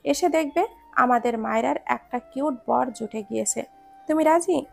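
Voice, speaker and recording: A woman's voice: high voice, moderate pace, gravelly, darkish tone, heavily acted. A woman reading a story aloud and voicing a playful young man who teases his grandmother. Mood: teasing. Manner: joking, cheeky.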